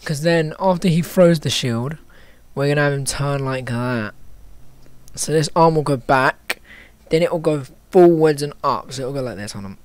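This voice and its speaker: A man with hiccups records a casual animation tutorial of his screen, stopping and starting as he thinks out loud and revises what he says. He speaks at normal speed in a fairly high voice, and the recording is dry.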